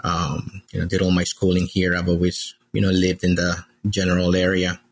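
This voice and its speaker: A man in his forties with a low, husky voice, talking easily as a guest. He is from El Salvador, and he tells his story in a loose, friendly way full of fillers. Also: completely flat delivery, normal speed. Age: 40s. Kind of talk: casual interview.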